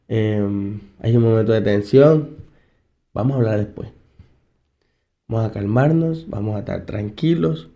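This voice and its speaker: A man speaks in a relaxed, mellow voice, giving a casual talk as a psychologist. He chats with his listeners, puts questions to them and chuckles as he goes. The sound is dull and lo-fi. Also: mid-range voice. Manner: conversational, asks the audience questions, chuckles often. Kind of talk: casual motivational talk to an audience.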